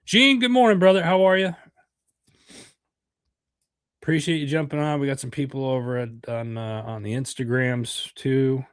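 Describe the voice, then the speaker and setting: On his podcast livestream, a middle-aged American man with a cold sounds congested as he rambles, using many fillers and repeated words. His medium-pitched voice is smooth and moderately paced, with long pauses. The recording is dry and clean, like a studio.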